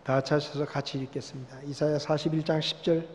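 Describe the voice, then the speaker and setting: A man with a high, ringing voice preaches a sermon, swelling loud and slow on the scripture. He pulls back to a near hush on his key words. The sound carries a long reverb from a large church sanctuary. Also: little pitch movement, slight background noise. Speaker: pastor.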